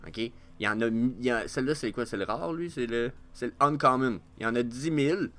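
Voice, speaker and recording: Talking fairly quickly at a medium pitch, a Quebec French vlogger riffs casually on the markets, full of excitement, filler words, and free swearing.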